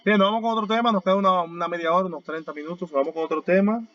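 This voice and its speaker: A man teaching a basic English class, explaining step by step and repeating words slowly for his students. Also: sits high, fairly even intonation, fairly bright tone, highs cut off. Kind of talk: online class lecture.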